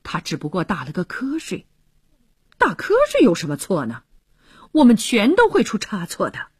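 A woman voicing a weary, gentle grown man in a radio story, speaking with a soft, reassuring tone. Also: mid-range voice, wildly swooping pitch, normal speed, slightly rough, dry recording, clean studio sound, exaggerated voice.

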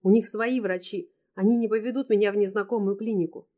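A woman's voice: mid-range voice, steady tone, brisk, warm tone, close to an everyday voice. A woman voicing a frightened young woman who sobs and pleads, trapped and desperate. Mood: tearful. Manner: sobbing, pleading.

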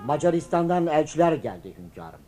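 A man's voice: a little high, very animated, brisk, over music. An actor playing an obedient court aide in a radio play, reporting formally to his ruler. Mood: deferential. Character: deferential envoy-announcing servant of a sultan.

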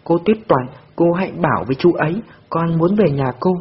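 A man's voice: fairly high pitch, animated, brisk, slightly rough. A man voicing a stubborn little girl who lies and cries, her voice strained and pleading. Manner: crying, pleading. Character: stubborn lying little girl, tearful and sly. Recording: dull lo-fi recording.

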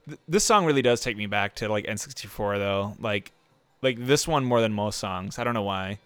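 A young man chatting over a kart racing game in a crisp, smooth voice, recorded close and dry with no room sound. He rambles through fillers, swears freely and laughs a lot. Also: fairly low pitch, animated, normal speed, a bit bright, no room sound. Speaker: gameplay commentator. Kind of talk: casual gaming chat.

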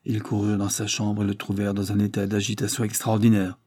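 A man reading a classic novel aloud as an audiobook narrator, in a measured, dramatic way. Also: fairly low pitch, monotone, warm tone.

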